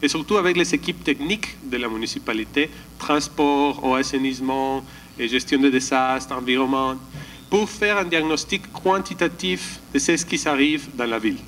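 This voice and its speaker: A man's voice: medium pitch, moderate pace, fairly bright tone, slight background noise, low-quality recording. A man giving a slide presentation at a conference, hesitant, often restarting and searching for words. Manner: calls for the next slide.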